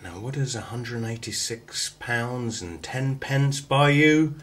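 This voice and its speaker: A man's voice: medium pitch, unhurried, a bit bright. A man in his thirties with an English accent, chatting cheekily to camera in a casual vlog. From England. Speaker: vlogger. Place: inside a car while driving. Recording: road noise in moving car.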